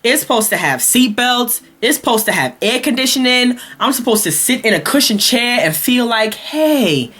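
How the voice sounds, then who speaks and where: Brooklyn girl going off on a vlog rant, sassy, high voice, real bright and sharp. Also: normal speed, hardly any pauses. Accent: Brooklyn New York. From Brooklyn, New York. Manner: sassy, animated, exasperated ranting. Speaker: vlogger. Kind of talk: comedic rant.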